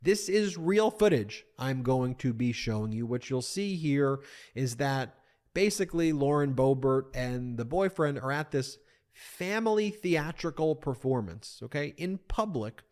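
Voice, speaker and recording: A man's voice: mid-range voice, lively intonation, unhurried, a little mellow. A man hosting a political commentary, indignant, often repeating himself and addressing his audience as folks.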